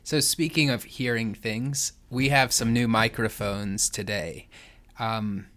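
A man's voice: medium pitch, fairly even intonation, takes it slowly, a bit bright. A man with an American accent chatting casually as a podcast co-host. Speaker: podcast co-host, church staff. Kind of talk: casual co-hosted podcast chat.

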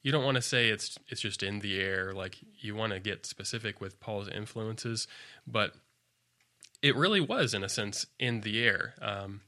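A man explaining as a guest scholar in an interview, thoughtful and measured, with frequent fillers and restarts. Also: lowish voice, bright, forceful tone.

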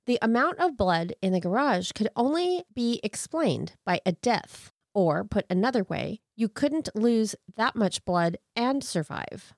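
A woman's voice: mid-range voice, expressive, unhurried, few pauses, no echo, clean studio sound. A woman co-hosting a true crime podcast, moving between narration and incredulous, sardonic casual commentary. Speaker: podcast co-host.

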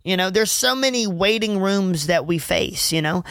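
Young male podcast host, higher voice, dry close mic; earnest, rambling, faith-focused chat. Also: expressive, moderate pace, vocal fry, a bit bright, dry recording. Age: 20s. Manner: earnest, rambling, many fillers and restarts.

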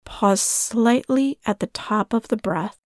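A woman leading a guided breathing meditation in a soft, soothing way. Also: fairly high pitch, slow, no echo, clean studio sound.

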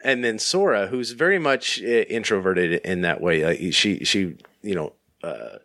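A man telling a casual podcast anecdote in a halting, rambling way, often repeating words. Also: low voice, animated, sharp tone, no room sound, clean studio sound.

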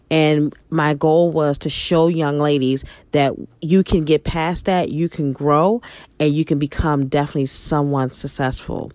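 Low-voiced upbeat woman from Baltimore. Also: darkish tone, no echo. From Baltimore, Maryland, USA. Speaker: guest, shoe stylist and business founder. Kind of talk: podcast interview.

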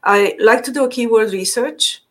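Her voice runs on the high side and a bit bright, at a moderate pace. She's a Transylvanian woman with a Hungarian accent, a marketing guest chatting in a casual interview with frequent fillers, restarts and easy laughter.

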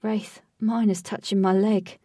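A woman reading a storybook, voicing a nervous young man who forces himself to sound calm. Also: medium pitch, measured pace, no room sound, clean studio sound, far from the mic. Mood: tense.

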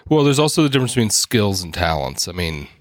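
A man co-hosting a casual church podcast, explaining ideas and citing scripture between quick laughs. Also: on the low side, big pitch swings, dry recording, clean studio sound. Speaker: podcast co-host. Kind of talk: casual chat about church.

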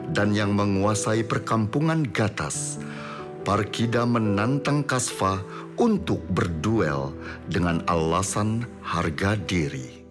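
A man narrating a scripted drama in a storytelling style. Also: lowish voice.

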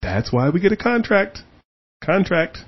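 A man hosting a casual chat, animated and emphatic, getting heated and repeating his points. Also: sits high, a little slow, highs cut off. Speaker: host.

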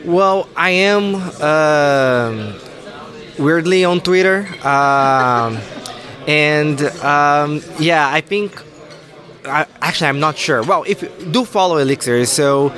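A man's voice: on the high side, lively intonation, slow pace, sharp tone. A man answering interview questions hesitantly with many fillers, a regular speaker at the conference.

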